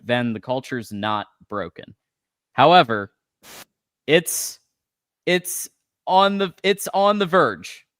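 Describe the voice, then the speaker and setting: A man co-hosts a casual sports talk show and lays out his argument in a measured, analytical way. His voice has an ordinary pitch. It sounds dry and close to the mic. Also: a bit bright, no echo. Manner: measured, analytical, reads viewer comments. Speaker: podcast co-host. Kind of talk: casual sports postgame chat.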